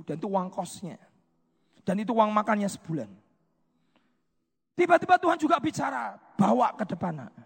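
A middle-aged male pastor giving a sermon, swinging from shouted peaks to hushed near-whispers. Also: sits high, gravelly, breathy edge. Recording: reverberant hall.

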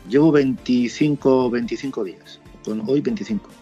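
A man from Spain chatting casually and telling lively stories about his motorcycle trip. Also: mid-range voice, normal speed, highs cut off, faint music behind. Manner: lively storyteller, swears casually. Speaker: motorcycle traveler guest. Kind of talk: casual chat.

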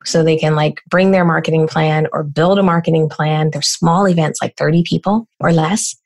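An American woman answering interview questions as a business coach, explaining in a brisk way with lots of rhetorical questions. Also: low voice, fairly even intonation, a little mellow. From United States.

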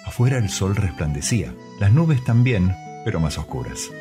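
A man with a very deep voice reads a short story in a calm, measured way. A plucked guitar plays clearly behind him. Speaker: reader. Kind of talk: literary reading over music. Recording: reading over guitar music.

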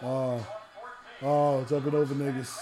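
A man from New co-hosting a casual podcast, hyping up basketball clips with loud bursts of excitement. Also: mid-range voice, a little slow, music in the background. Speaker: podcast co-host. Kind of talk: casual chat.

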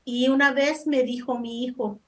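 A woman with a notably high voice speaks on a talk show panel, giving casual advice. She is middle-aged and talks firmly and emphatically, circling back to drive her points home. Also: steady tone, normal speed. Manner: firm, emphatic, repeats points for stress.

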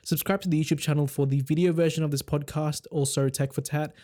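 A young man hosts a casual podcast with a voice pitched a little high. He rambles and jokes, leaning on fillers as he talks. The tone is loose, easy chat. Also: fairly even intonation, fast talker, dark tone. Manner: rambling, filler-heavy, joking. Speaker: podcast host.

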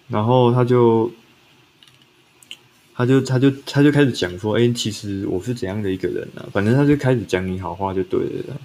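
A man's voice: lowish voice, darkish tone, a little hiss or hum. A man, telling his own story on a podcast in a rambling way, often restarting his sentences and acting out what others said. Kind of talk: casual first-person storytelling.

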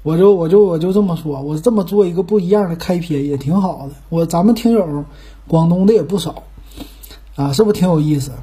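Chatty Northeastern Chinese man, husky. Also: fairly high pitch, a little fast, mellow. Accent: Northeastern Mandarin. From Northeast China. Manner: chatty, folksy, musing aloud with rhetorical questions. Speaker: podcast host. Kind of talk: casual chat.

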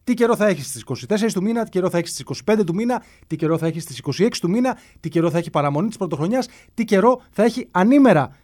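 A man hosting a comic radio bit in a mock-serious, deadpan way, piling up long repetitive lists. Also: sits high, few pauses. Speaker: radio show host.

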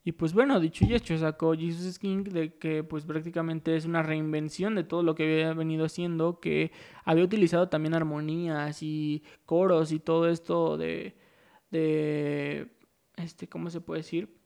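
Gravelly man hosting a podcast. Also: fairly high pitch, level tone, moderate pace, darkish tone. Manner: rambling, loose, with many fillers and restarts. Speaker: podcast host. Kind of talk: casual solo podcast monologue.

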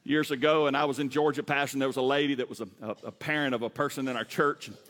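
Fast-talking Southern preacher, bright voice. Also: male voice, medium pitch, long reverb tail. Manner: fast, animated preaching with rhetorical questions to the congregation. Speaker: pastor. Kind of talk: sermon. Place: church sanctuary.

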